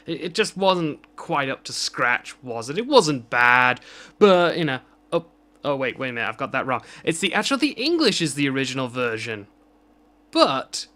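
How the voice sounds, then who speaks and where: A man's voice: medium pitch, sharp tone. A man ranting off the cuff in a vlog, rambling and self-mocking with frequent restarts. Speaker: vlogger. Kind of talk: unscripted rant.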